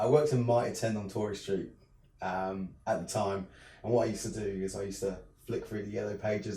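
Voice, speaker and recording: A young filmmaker from the south of England, with a southern English accent, gives a laid-back interview, often saying "um" and restarting his sentences. His voice is on the low side, and the sound is roomy, captured by a distant mic.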